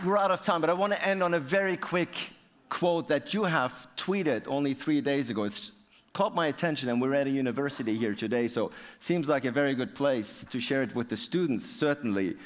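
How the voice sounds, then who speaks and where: A man hosts an interview on stage at a university event. He asks fluent, measured questions, with the occasional filler between thoughts. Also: medium pitch, a faint crowd. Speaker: interviewer, TV presenter.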